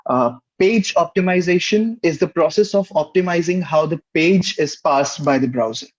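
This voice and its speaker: A young man talks through a tutorial from a small room, using a headset on a video call. His voice sits slightly high for a man. The audio comes through dull and muffled. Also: normal speed. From India. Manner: steady explanatory delivery with frequent "uh" fillers. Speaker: guest presenter. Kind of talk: webinar tutorial.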